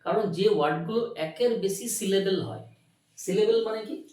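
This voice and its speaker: A man teaching an English grammar lesson, asking questions, answering them himself and repeating words slowly. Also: high voice, a little mellow, recorded from a distance. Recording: very echoey room, recorded from afar.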